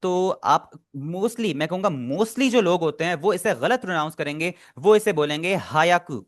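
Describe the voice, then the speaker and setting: A man's voice: high voice, expressive, moderate pace. Patient man teaching a language class. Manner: patient, repeats and explains step by step.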